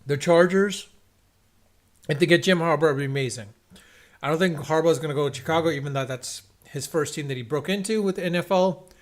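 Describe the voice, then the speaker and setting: A man's voice: fairly high pitch, brisk. A man hosting a live stream, rambling casually about football with lots of restarts and strong opinions. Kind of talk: casual sports rant. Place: at home, checking scores on screen.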